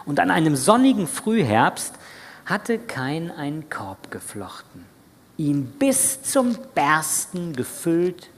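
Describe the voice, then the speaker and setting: A man's voice: fairly high pitch, sing-song, slow pace. A man preaching a sermon as a retold story, dramatic, now and then dropping to a whisper. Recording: breathy voice in a long church reverb.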